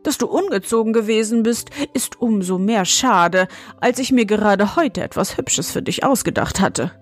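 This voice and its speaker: A woman's voice: medium pitch, moderate pace, natural voice. A woman voicing a small, stern grey old forest gnome in a storybook reading, with a thin, fine voice and a scolding, proud manner.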